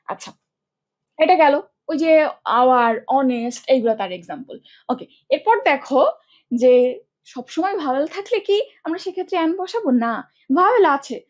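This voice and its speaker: Female English tutor, high bright voice, brisk step-by-step explainer who checks in with students. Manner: explains step by step, often checks with "ঠিক আছে?"; colloquial speech mixing in English words. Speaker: English teacher. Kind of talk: online grammar lesson.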